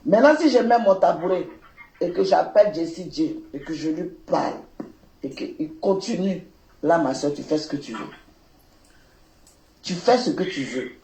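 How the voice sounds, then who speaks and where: A man with a slightly high voice talks calmly and soothingly on a live stream, repeating himself. His voice rings in an echoey room. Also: moderate pace, pauses often.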